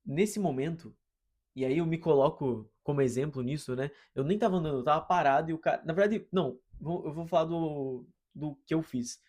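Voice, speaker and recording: A young man with a Brazilian Portuguese accent tells a personal story in a slangy, animated way, calling his listeners brother and mate as he hosts his own channel. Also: fairly high pitch, brisk. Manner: slangy, animated, addresses listeners as "irmão" and "mano". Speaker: host. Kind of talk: casual storytelling monologue.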